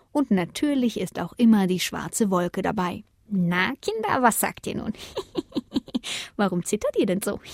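A woman narrating a children's bedtime story in a lively, expressive way. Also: medium pitch, no room sound, clean studio sound.

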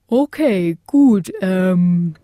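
A woman voicing a kind male Saint Bernard who speaks gently and calmly. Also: lowish voice, drawn-out words, no echo, studio quality. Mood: explaining.

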